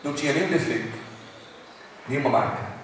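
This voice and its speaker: A Brazilian man preaching a sermon as a pastor, telling a story and dropping from loud to hushed. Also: medium pitch, animated, brisk, slight background noise. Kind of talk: evangelistic sermon. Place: large church hall. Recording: echoey hall recording from a distance.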